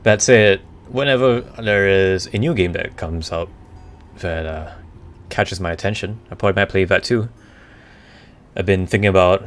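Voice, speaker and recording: A man chatting casually on a live stream, answering questions in a halting way as he searches for the right words. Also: deep voice. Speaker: streamer, VTuber. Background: background music.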